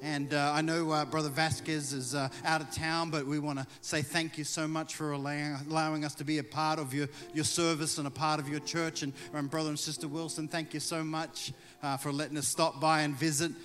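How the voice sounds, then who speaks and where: Bright-voiced missionary preacher in hall. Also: male voice, on the high side, level tone, brisk, few pauses. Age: middle-aged. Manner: folksy, exclamatory, with joking asides. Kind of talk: informal church address. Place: large indoor church, speaking from pulpit. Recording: reverberant hall, music behind.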